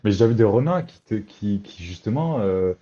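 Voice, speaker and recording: Low, dark-voiced man, hesitant. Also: lively intonation, fairly quick. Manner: hesitant, restarts often, thinks aloud. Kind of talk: casual discussion. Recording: dull lo-fi recording.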